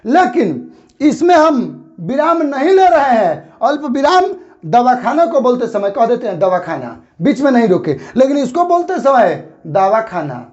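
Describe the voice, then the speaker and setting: A man teaching a grammar lesson, saying example words again and again and slowing on them to show where the pause falls. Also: very high voice, muffled recording.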